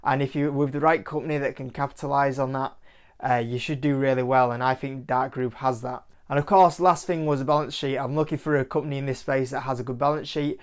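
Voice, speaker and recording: A man's voice: medium pitch, fairly even intonation, fast, clean tone. A man with a Yorkshire accent hosting his own investing channel, talking casually and loosely through stock picks. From Yorkshire, England. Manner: loose, chatty, leans on "like" and "kind of". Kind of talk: casual stock-picking talk to camera.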